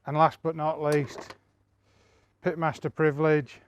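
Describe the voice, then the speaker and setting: A man's voice: a little high, measured pace, clear, resonant tone, lo-fi sound. A man hosting a barbecue cooking vlog, talking casually and chatting straight to his viewers. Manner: relaxed, chatty, addresses viewers directly. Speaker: barbecue channel host.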